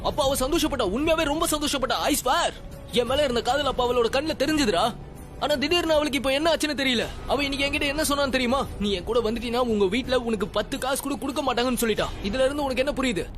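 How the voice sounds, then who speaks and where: Hurt young lover, bitter, high voice, quick talker, serial dub with music. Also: male voice. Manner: bitter, pleading, voice rising to shouting. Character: heartbroken young man, angry at his girlfriend. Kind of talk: TV serial dubbing. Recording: with music behind.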